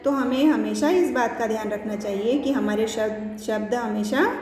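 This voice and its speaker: A high-voiced woman teaches a grammar lesson, stopping often to check that her listeners follow along. She slows down and stretches out words to show their correct sound. Her voice rings in an echoey room with a long reverb. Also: darkish tone, soft background music. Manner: explanatory, frequent "है ना" and "ठीक है" check-ins. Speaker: school teacher.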